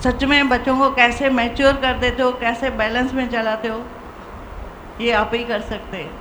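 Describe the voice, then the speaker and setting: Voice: medium pitch, little pitch movement, moderate pace. A devotee earnestly speaking of their faith and gratitude. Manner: earnest, grateful. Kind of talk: casual testimony. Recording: echoey room with clear noise.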